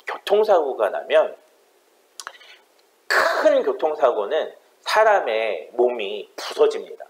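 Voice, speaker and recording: A man's voice: medium pitch, poor audio. A man preaching a sermon as pastor, impassioned and building to fervent pleading.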